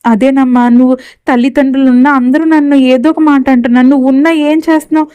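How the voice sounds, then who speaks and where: A woman voicing a young mother who fires sharp, accusing questions. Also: sits high, steady tone, quick pace, dry recording, close to an everyday voice. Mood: hurt.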